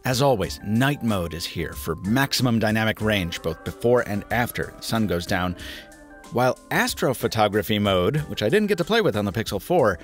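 Male tech reviewer from the US, 30s, animated scripted read, light music bed. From United States. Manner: lively, emphatic delivery with wide pitch swings. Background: faint music.

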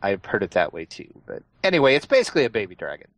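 A man co-hosting a casual gaming podcast, calmly explaining new features step by step. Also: fairly low pitch, rapid-fire, low-quality recording. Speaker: podcast co-host.

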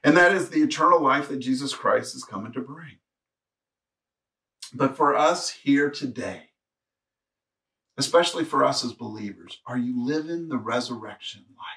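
A man's voice: mid-range voice, normal speed, long pauses, bright, forceful tone, distant mic. Earnest male pastor preaching from afar. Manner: earnest preaching, reads scripture aloud, rises to emphatic peaks. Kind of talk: sermon.

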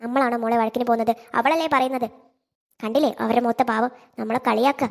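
A woman voicing a kind elderly grandmother in an animated cartoon, talking softly and soothingly. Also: fairly high pitch, quick pace, gravelly. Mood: hurt.

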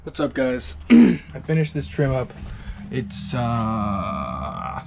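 A man's voice: medium pitch, very animated, very slow, vocal fry, music in the background. A young man in his twenties chatting casually while renovating an old RV, with playful, teasing banter. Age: 20s. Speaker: co-host renovating an RV. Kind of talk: casual vlog chat. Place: inside an old RV.

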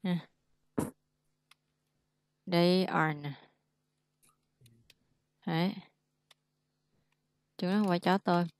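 A woman's voice: lowish voice, steady tone, smooth, no echo. Patient woman tutor. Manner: patient, coaxing, drills phrases slowly. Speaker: English tutor. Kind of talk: one-on-one language lesson.

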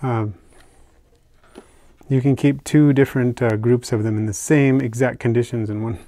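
Older man, mid pitch, easygoing chatty vlog narration with fillers, dry close tabletop recording. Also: moderate pace, no room sound. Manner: relaxed, chatty, with fillers and soft asides. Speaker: isopod keeper unboxing purchases. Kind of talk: casual hobby vlog narration. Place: indoors at a table, hands on camera.

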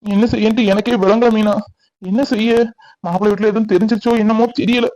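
Man voicing a cartoon father, anxious, hot-tempered, high voice. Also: fairly even intonation, darkish tone, lightly acted, poor audio. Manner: anxious, agitated, fast.

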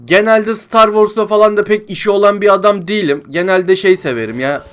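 A man commenting on his own gameplay as a let's-play host, talking to his viewers like friends, grumbling in frustration and shouting when things go wrong. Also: sits high, brisk, clear, resonant tone. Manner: exasperated, talks to viewers as friends, yells when panicking. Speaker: gaming YouTuber.

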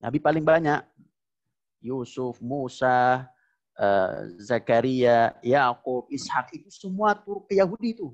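A man preaching a religious lecture, telling stories and acting out quoted lines with sudden jumps in pitch, speaking directly to his congregation. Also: expressive, measured pace, long pauses. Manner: addresses the audience directly as "Bapak Ibu". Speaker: Islamic preacher. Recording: dull lo-fi lecture recording.

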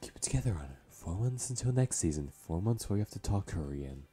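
A man voicing a mild, polite female TV actress while reading game dialogue aloud in a quiet, understated way. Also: deep voice, very animated, fast talker, slightly rough, soft background music, full character voice.

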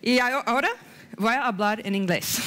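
A middle-aged American woman, a native English speaker, giving a conference talk in halting Spanish with an American accent, on a headset mic. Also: on the high side, fairly bright tone, slight background noise. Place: indoor conference stage.

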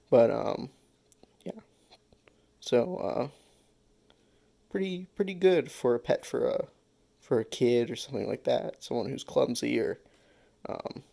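Gravelly, mellow-voiced man chatting casually. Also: medium pitch. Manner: relaxed, rambling with many fillers. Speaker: pet-keeping channel host. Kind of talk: casual pet care vlog.

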